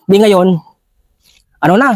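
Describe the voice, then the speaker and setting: Deferential soldier, high voice. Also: male voice, slow pace, no echo, clean studio sound. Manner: deferential, says "sir" after nearly every phrase. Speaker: soldier recounting a rescue operation. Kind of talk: military war story interview.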